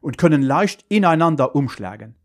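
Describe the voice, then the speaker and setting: A calm male superhero in a hurry, talking steadily and matter-of-factly over an emergency call, as a man reads him in a children's radio story. His voice sits a little high for a man and carries a slightly distant timbre. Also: moderate pace. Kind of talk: school radio story reading.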